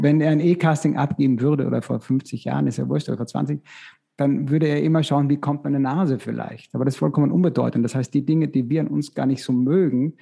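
A man's voice: medium pitch, vocal fry, warm tone, slightly rough. A man who works in casting, talking casually and reflectively, giving practical advice with frequent restarts. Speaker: casting director. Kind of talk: casual expert discussion.

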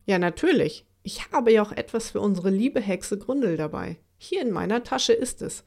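A woman's voice: mid-range voice, lively intonation, moderate pace, darkish tone. A woman voicing a big, stern female forest creature who grumbles and gives orders in a children's audiobook. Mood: firm. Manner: gruff, commanding.

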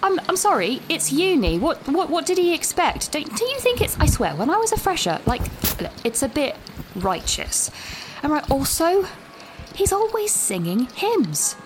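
A young woman's high-pitched, very animated voice moves at a slow pace over background noise, heavily acted. She is an actress voicing an anxious, talkative British university student who leaves a breathless, rambling voice message while walking outside. It's an audio drama voice note, nervous and full of self-interruptions.

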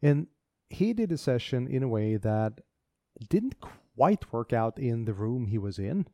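Man, podcast co-host, mellow warm tone, dry close mic, enthusiastic rambling chat. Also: medium pitch, very animated, unhurried, no room sound. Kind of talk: casual tech podcast chat.

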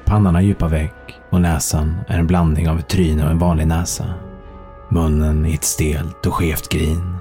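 A man narrating a thriller audiobook in a calm, measured storytelling manner. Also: very deep voice, faint music behind.

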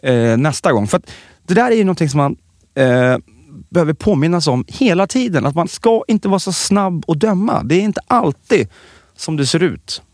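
A man co-hosting a podcast, chatting casually and telling stories with animated delivery. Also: no room sound, studio quality. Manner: animated storytelling, lively pitch. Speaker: podcast co-host. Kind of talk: casual chat.

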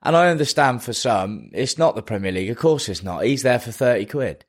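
A man's voice: mid-range voice, expressive, a little fast. A man co-hosting a casual sports podcast in a jokey, self-mocking way. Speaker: podcast co-host.

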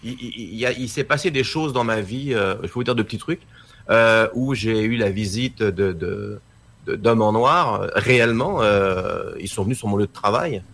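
A man, a guest telling a personal story in a casual talk, lively and full of fillers. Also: on the low side, moderate pace. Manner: animated anecdote telling, with many fillers and acted quotes.

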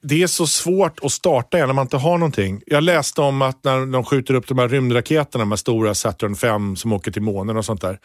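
A man co-hosting a casual podcast, a stand-up comedian telling stories animatedly, his voice jumping up high when excited. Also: few pauses, dry recording, studio quality.

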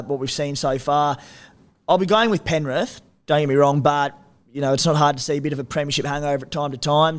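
An Australian man co-hosting a sports podcast, chatting casually in a broad, slangy, blokey way. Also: a little high. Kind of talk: casual fantasy rugby league chat.

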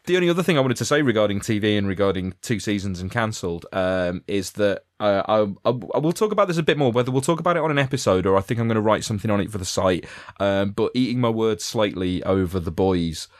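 A man's voice: on the low side, expressive, fast, few pauses, no echo, studio quality. A British man hosting a casual podcast chat, rambling with lots of fillers and restarts. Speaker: podcast host.

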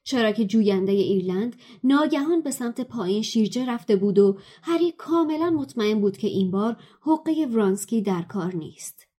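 A woman narrating a novel excerpt in a steady, measured storytelling voice. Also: on the high side. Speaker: guest reader.

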